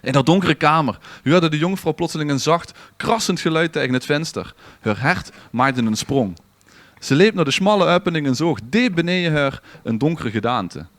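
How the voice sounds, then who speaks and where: A man with a Limburgish Dutch accent reads a scripted story aloud for a podcast, theatrical and literary in manner. His voice is a little high, expressive and a bit bright, at normal speed, with no room sound.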